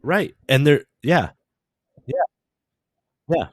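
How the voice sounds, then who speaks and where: A man's voice: on the high side, lively intonation, takes it slowly, no echo. A man hosting a podcast, ranting casually and swearing often. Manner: profane, ranting. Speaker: podcast host.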